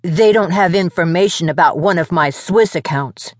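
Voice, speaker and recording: A woman's voice: on the low side, normal speed, dry recording, clean studio sound, lightly acted. A woman narrator voicing an earnest, subdued young man grateful to be rescued.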